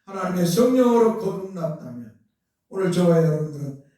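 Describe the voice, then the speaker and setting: A man's voice: sits high, animated, brisk, mellow. A man preaching a sermon as pastor, asking rhetorical questions and building to emphatic outbursts. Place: church sanctuary. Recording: very echoey church hall, mic from far off.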